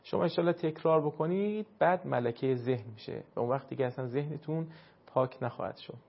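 A man teaching pronunciation of Arabic letters for recitation, patiently explaining and slowly demonstrating sounds. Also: mid-range voice, creaky. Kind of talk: instructional lesson. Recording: dull lo-fi recording.

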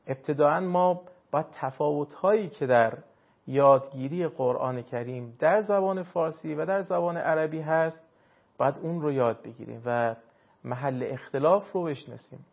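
A man with a fairly high voice gives a Quran reading lesson, explaining each step in a measured, deliberate way. He slows down and draws out key words when he stresses a point. The recording sounds muffled and low-fidelity. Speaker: Quran recitation teacher.

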